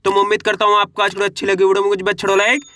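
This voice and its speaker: A high-pitched man gives a patient reading lesson, sounding out each syllable before blending it into the full word and asking the viewer how to read it. His voice is bright and forward. The recording is dry and close, with no room echo. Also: completely flat delivery, racing. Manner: spells words out syllable by syllable, then blends them; quizzes the viewer with repeated questions. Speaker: Hindi reading teacher.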